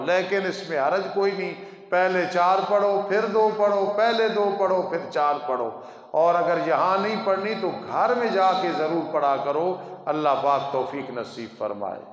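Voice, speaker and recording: A man, an Islamic cleric reading out questions and firmly ruling on each, quoting Arabic phrases and hadith sources. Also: high-pitched. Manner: firm, didactic, reads questions aloud then rules on them. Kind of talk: religious question-and-answer session. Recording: echoey, reverberant hall, dull lo-fi sound.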